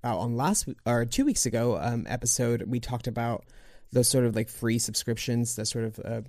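Mellow-voiced man rambling casually. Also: medium pitch, fairly quick, no room sound, studio quality. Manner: rambling, full of fillers and restarts. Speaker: podcast co-host. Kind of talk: casual chat.

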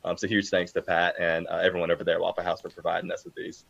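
A man's voice: deep voice, monotone, racing, vocal fry, fairly bright tone, no echo, dull audio. A man chatting casually as a storm chaser on a panel show. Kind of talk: casual chat.

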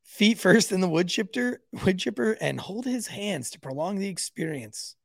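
A man's voice: high-pitched, animated, normal speed, vocal fry, no echo. A man co-hosting a casual true-crime livestream podcast, joking crudely and reading viewer chat aloud. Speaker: podcast co-host.

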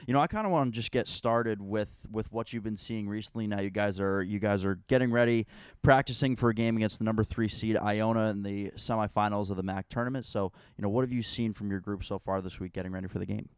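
A man's voice: fairly low pitch, fast, smooth, dry recording. An American man hosting a podcast, chatting casually as he interviews a guest in a team locker room. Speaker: podcast host.

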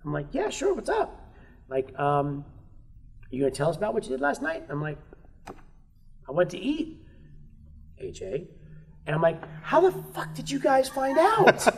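This guest musician has a high, gravelly voice whose pitch swoops wildly, and he talks at normal speed with long pauses. Chatting casually on a podcast, he tells frank stories about his past, swears freely and acts out what others said.

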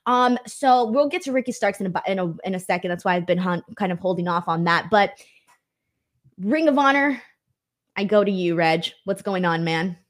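A woman's voice: mid-range voice, lively intonation, normal speed. A woman hosting a live wrestling stream in a casual, informal way, peppering her talk with "like" and mild swearing.

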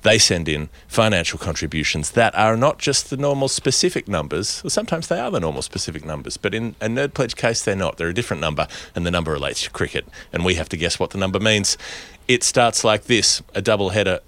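A man's voice: sits low, big pitch swings, fast talker, hardly any pauses, fairly bright tone. A man with an Australian accent hosting a conversational podcast, talking in a wry, discursive way. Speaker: podcast host. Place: remote voice call from a rooftop.

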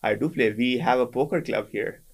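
With a medium pitch and a moderate pace, a young man from Pakistan, in his twenties and a native Sindhi speaker, talks casually as a guest, his speech peppered with fillers and restarts.

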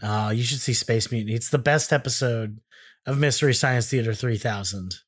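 A man's voice: mid-range voice, brisk. A man with a slight Texan accent co-hosting a podcast, trading wry, sarcastic comebacks in a casual chat. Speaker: podcast co-host.

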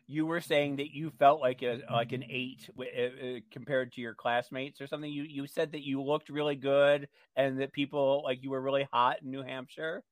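A man's voice: medium pitch, flat delivery, normal speed, few pauses, no room sound. A man co-hosting a radio show, talking casually and reading aloud.

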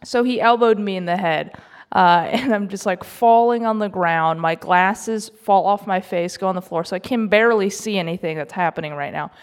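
A woman's voice: mid-range voice, moderate pace, smooth. A young woman comedian telling a self-mocking story on stage at a live event, chatty and laughing through her lines.

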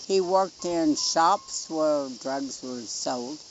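Speaking extremely slowly in a deep voice, a middle-aged mother with a rural Oklahoma accent gives a blunt, matter-of-fact, conversational first-hand account of events. She's being interviewed, and the recording is very noisy and muffled, with music underneath.

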